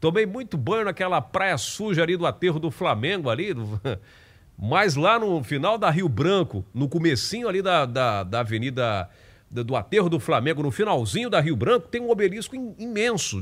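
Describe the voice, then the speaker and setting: A man's voice: fairly high pitch, very animated, fairly quick, fairly bright tone. A man from Rio de Janeiro with a Carioca accent, delivering a fervent, informal preaching monologue full of emphatic repetition and restarts. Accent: Carioca Brazilian Portuguese. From Rio de Janeiro, Brazil. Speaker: evangelical preacher and channel host.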